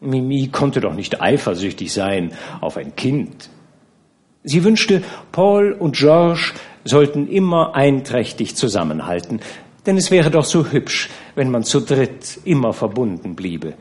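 A man narrating a classic novel as an audiobook, in a measured, expressive storytelling manner. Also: mid-range voice. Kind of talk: literary audiobook reading.

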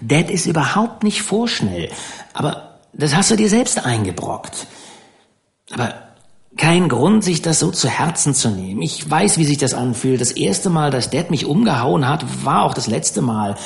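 A man voicing a curious, blunt teenage fisher boy who talks quickly and colloquially in an audiobook. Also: a little high, big pitch swings, gravelly, heavily acted. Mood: eager.

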